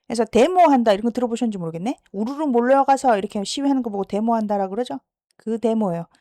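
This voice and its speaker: Higher-pitched woman teaching vocabulary. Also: a little mellow, no room sound, clean studio sound. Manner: explanatory, checks understanding with frequent questions; slows down to sound out English words. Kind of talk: lecture-style vocabulary lesson.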